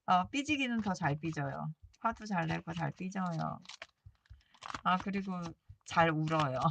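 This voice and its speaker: A woman's voice: on the low side, animated, measured pace, creaky, a bit bright, slight background noise. A woman vlogger chatting casually and playfully while she crafts, laughing often. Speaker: journaling vlogger.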